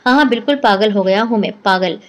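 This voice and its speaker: A woman's voice: medium pitch, natural voice. A woman voicing a panicked, distraught young man who pleads in frantic outbursts.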